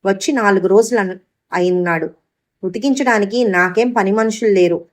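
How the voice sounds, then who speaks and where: ఒక మహిళ చదివే విసుక్కునే భర్త. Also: female voice, mid-range voice, moderate pace, close to an everyday voice. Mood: irritated. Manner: complaining, irritated. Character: grumbling middle-aged husband, regretful.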